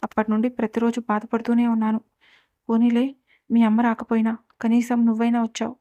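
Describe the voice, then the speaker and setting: A woman reading the lines of a remorseful older uncle in a storybook tale, speaking softly and with regret. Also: fairly high pitch, monotone, a little fast, dry recording, highs cut off, close to an everyday voice. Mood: regretful. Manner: soft, regretful pleading.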